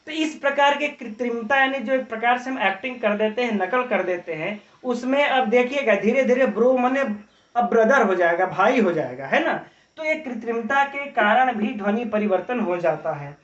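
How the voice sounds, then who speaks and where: High-voiced man teaching in a roomy, distant recording. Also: lively intonation, moderate pace. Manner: explains with examples and asks rhetorical questions; frequent tag "है ना". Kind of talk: exam-prep lecture. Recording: roomy, distant, dull lo-fi audio.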